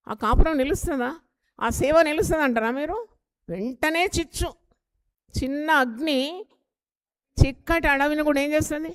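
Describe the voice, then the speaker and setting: Earnest woman pastor, slightly high voice. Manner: earnest, exhorting, with rhetorical questions. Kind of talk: sermon.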